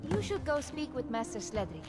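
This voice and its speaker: A woman's voice: fairly high pitch, big pitch swings, brisk. An actress playing a poised, dry-witted bard woman, composed and articulate, in a fantasy video game. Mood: friendly. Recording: loud game music behind the voice.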